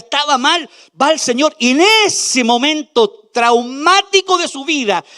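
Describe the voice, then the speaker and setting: A man preaching a sermon as pastor, asking the congregation questions and swinging from loud declarations to hushed near-whispers. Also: sits high. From Chile.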